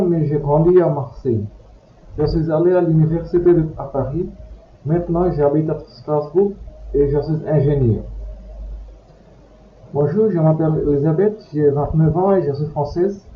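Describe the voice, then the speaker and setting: A man with a voice on the high side teaches a language, reading short passages aloud slowly for learners and then repeating them word by word. The recording is echoey, dull and lo-fi, with a little hiss or hum.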